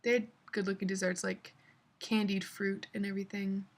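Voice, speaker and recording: A woman's voice: mid-range voice, level tone, normal speed. A young adult woman chatting through a casual travel story, full of fillers. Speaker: vlogger.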